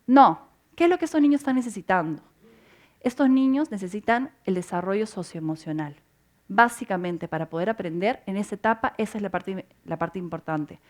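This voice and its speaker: A woman's voice: mid-range voice, lively intonation, a little fast, darkish tone. A woman giving a conference talk with slides, explaining points and asking rhetorical questions. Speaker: conference speaker. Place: conference hall.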